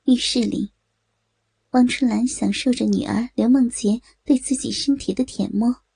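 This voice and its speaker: A woman narrating a story in a slow, measured reading voice. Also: fairly high pitch, steady tone, gravelly, dark tone, breathy edge, no echo.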